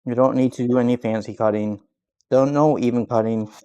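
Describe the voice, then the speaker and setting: A young man who grew up with Russian and learned English at eight rambles through a cooking stream as a vlogger, frequently restarting sentences. His mid-range voice is smooth and warm, steady in tone and fairly quick, with lo-fi sound.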